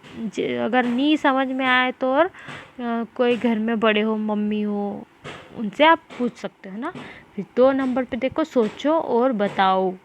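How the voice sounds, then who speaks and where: Slow, high-voiced woman teacher. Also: a little hiss or hum. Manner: slow, syllable-by-syllable reading drills with repeated questions. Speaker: primary school teacher. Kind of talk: online class lesson.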